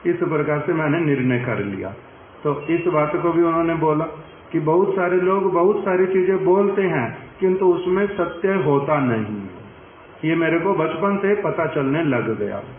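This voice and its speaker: A man's voice: on the high side, measured pace. A man giving a devotional talk, retelling a saint's life story in the first person. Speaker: preacher telling a saint's life. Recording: echoey, tinny phone-like audio with faint hiss.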